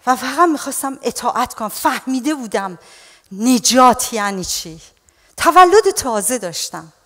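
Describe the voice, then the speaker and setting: A woman pastor preaching a sermon in an animated way, often calling her listeners dear ones. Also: fairly high pitch, in a large hall.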